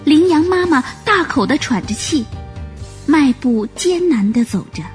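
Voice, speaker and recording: A woman gently narrating a children's story. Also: high voice, expressive, a little slow, faint music behind.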